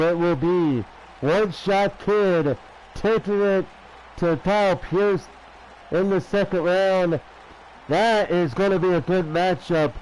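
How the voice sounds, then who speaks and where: A man doing play-by-play as a wrestling commentator, halting and often repeating himself. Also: fairly high pitch, a little mellow, rough recording. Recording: clear background noise.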